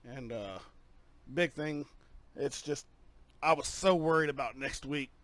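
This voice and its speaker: A man giving a halting, earnest post-race victory interview as a sim racing driver, full of fillers, talking over a voice-chat headset. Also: fairly high pitch, a bit bright, dry recording.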